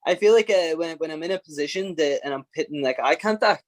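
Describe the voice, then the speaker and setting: An Irish man from Ireland, appearing as a podcast guest, talks bluntly and with plenty of swearing in a casual interview. His voice sits on the high side with no echo. He comes across as fiery and profane, and he laughs easily.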